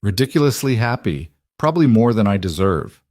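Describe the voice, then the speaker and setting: A man voicing a warm-hearted young ranch cook woman, speaking earnestly and firmly. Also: lowish voice, very animated, brisk, dry recording.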